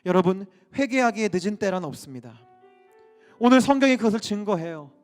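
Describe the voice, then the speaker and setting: A man's voice: high-pitched, expressive, fairly quick, darkish tone, faint music behind. A male pastor preaching an impassioned sermon full of rhetorical questions.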